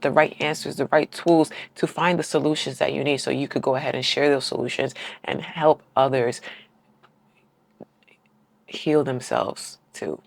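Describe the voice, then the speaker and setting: A creaky, deep-voiced woman reads tarot for her audience as a casual collective reading. Warm and reassuring, she keeps tossing in "right?" to check in. Her emotion runs deep enough that she's near tears at moments.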